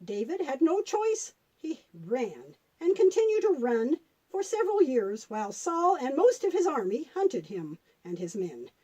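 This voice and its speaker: A woman with a high voice and big pitch swings voices a patient grandmother puppet, explaining things and telling Bible stories to children at a measured pace. Her manner is patient and gently instructive, and the audio quality is poor.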